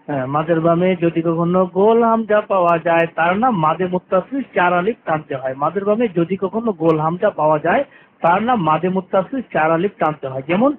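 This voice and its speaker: High-voiced man teaching slow recitation. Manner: repeats rules and verses, stretching vowels very long. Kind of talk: tajweed lesson with slow drawn-out recitation. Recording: tinny lo-fi phone-like recording, faint hiss.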